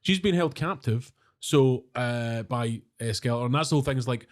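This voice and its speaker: Brief: male comedian, wry podcast banter, average pitch. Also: normal speed. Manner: wry, joking asides. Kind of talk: casual comedic chat.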